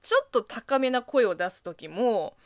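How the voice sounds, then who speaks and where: A Chinese woman with Chinese as her first language hosts a casual listener-mail radio show. Her voice sits a little high but swings widely, with a slightly husky, boyish edge. She laughs often and pokes fun at herself, heard close up in a dry room. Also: expressive, a little slow, a little mellow, no room sound. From China. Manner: giggly, laughs often, self-deprecating.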